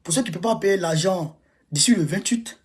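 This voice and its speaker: A man's voice: sits high, brisk. A man from Côte d'Ivoire, rallying his followers from home in an emphatic, repetitive live-stream talk. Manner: emphatic, repeats phrases, exhorting. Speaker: livestream host rallying supporters. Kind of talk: casual live-stream address.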